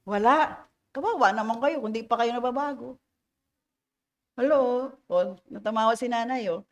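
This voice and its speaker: A middle-aged woman pastor with a Filipino accent preaches a Sunday sermon in Filipino, sprinkling in English phrases. Her voice is high and fairly bright, and she teases playfully, laughs between points, and keeps quizzing the congregation with questions.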